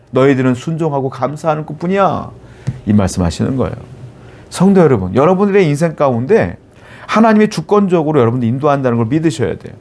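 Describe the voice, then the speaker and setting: A man preaching in a sermon style, voice set a little higher than most men's. He reads a Bible passage and then explains it to the congregation. He voices the grumbling of the workers in the story and puts rhetorical questions to his listeners. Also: a little mellow. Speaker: pastor.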